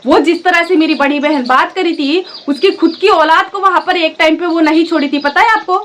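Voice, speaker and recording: A woman's voice: very high-pitched, a little fast, a bit bright, slight background noise. A woman vlogger in her thirties from India, angrily and defiantly scolding her family straight to camera. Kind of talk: angry direct-to-camera vlog rant.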